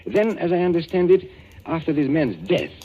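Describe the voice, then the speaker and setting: An actor playing a suave, sinister foreign man in an old radio drama, theatrical and deliberate in his phrasing. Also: fairly high pitch, sing-song, mellow, highs cut off. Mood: sly, brooding. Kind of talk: 1940s radio acting.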